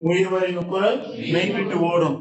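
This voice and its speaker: A man's voice: high voice, fairly even intonation, normal speed, echoey room. A man teaching a grammar lesson in a classroom, explaining step by step and putting questions to his students.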